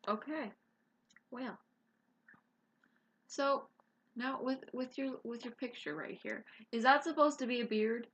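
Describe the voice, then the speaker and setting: A woman's voice: fairly high pitch, fairly even intonation, unhurried, pauses often, a bit bright, breathy edge. A young woman co-hosting a vlog in casual chat, teasing and laughing. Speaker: vlog co-host.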